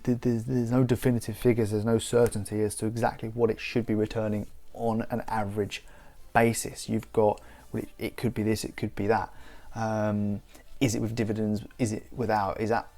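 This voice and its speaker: A man's voice: medium pitch, gravelly, darkish tone. A man in his thirties explaining investing casually to camera, rambling with frequent restarts. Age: 30s. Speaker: investing YouTuber.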